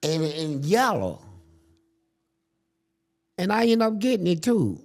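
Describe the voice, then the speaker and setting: An older man, guest in a casual interview, tells crude, boastful stories with animation, acting out what other people said. He has a high, creaky voice and speaks slowly.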